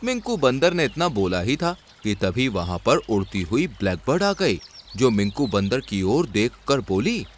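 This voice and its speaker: A man's voice: mid-range voice, unhurried. A man narrating a children's cartoon story expressively. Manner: expressive and lively.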